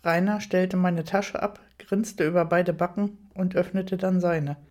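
A woman narrating a first-person audiobook story at an even storytelling pace, with light, amused touches. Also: lowish voice, measured pace.

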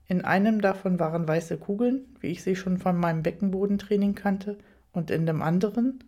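A woman narrating a first-person audiobook story at an even storytelling pace, with light, amused touches. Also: fairly low pitch.

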